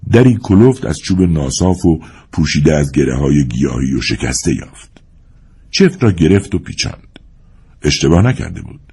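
A male narrator reads a novel aloud in a very deep, husky voice. His delivery is expressive and animated, rising and falling with the drama of the story. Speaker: audiobook narrator.

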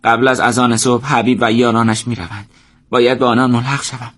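A man voicing an earnest, determined young man who speaks with quiet urgency. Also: mid-range voice, level tone, close to an everyday voice.

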